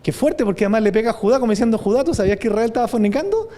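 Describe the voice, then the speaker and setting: Chilean pastor, male, high mellow voice; conversational sermon, reads scripture with force. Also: lively intonation, rapid-fire. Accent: Chilean Spanish. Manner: conversational preaching with frequent rhetorical tag questions.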